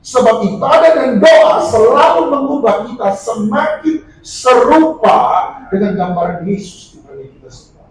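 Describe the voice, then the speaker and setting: Shouting pastor in an echoing hall. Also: male voice, extremely high pitch, a little slow. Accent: Indonesian. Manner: animated preaching, often shouting for emphasis, acting out quoted voices. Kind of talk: sermon. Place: church prayer meeting hall. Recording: distant, very echoey hall with faint noise.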